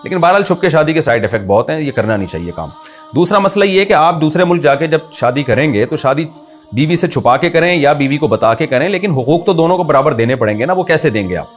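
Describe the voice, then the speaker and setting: A man, an Islamic scholar, answering viewer questions in a conversational, explanatory way, with rhetorical questions and his pitch rising on emphasis. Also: expressive, fast, faint music behind. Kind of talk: religious Q&A talk.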